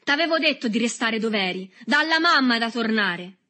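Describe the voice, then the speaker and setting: A woman voicing a violent, furious teenage boy who shouts and sobs in anger. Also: fairly high pitch, lively intonation, moderate pace, voice pushed up.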